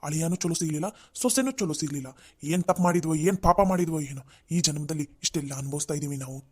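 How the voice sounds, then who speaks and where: A man's voice: fairly high pitch, quick pace, breathy edge. A man voicing a stern middle-aged father in a cartoon family drama, blaming and lecturing.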